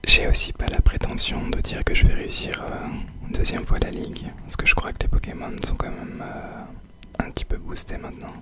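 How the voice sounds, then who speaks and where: A man whispers softly, very close to the ear, as he gives ASMR gameplay commentary. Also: normal speed. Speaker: host of an ASMR gaming video.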